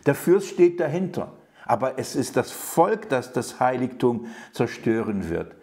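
In a very animated yet unhurried manner, a man with a medium-pitched, dark-toned voice preaches an earnest Bible lesson. He presses his points emphatically, with frequent restarts and fillers, and addresses his audience with direct questions.

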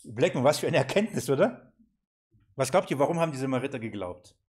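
A man's voice: mid-range voice, fast talker, slightly rough. A man teaching a Bible seminar, asking the group questions and acting out the quoted lines. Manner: lively, questioning the audience, acts out quoted lines.

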